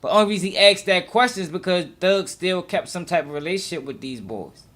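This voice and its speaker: High-voiced man giving slangy commentary. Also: brisk, fairly bright tone. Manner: emphatic, repetitive, slangy. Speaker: recap commentator. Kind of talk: informal commentary.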